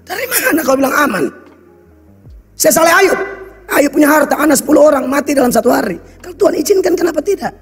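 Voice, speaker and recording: A pastor with a Kupang accent, preaching a blunt, scolding sermon full of local slang. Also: male voice, very high voice, animated, fast talker. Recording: reverberant hall with faint music.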